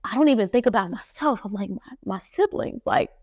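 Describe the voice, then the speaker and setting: A young woman hosting a podcast, recounting a traumatic memory in a halting, emotional way with many fillers and restarts. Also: fairly high pitch, lively intonation, a little mellow, no room sound, clean studio sound. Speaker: podcast host. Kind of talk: personal storytelling.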